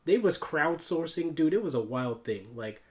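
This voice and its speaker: This American man, a YouTuber and podcast host, chats casually and tells personal stories, rambling and slangy, dropping "like," "dude" and "bro" often. His voice sits a little high with big pitch swings and a darkish tone, at a moderate pace.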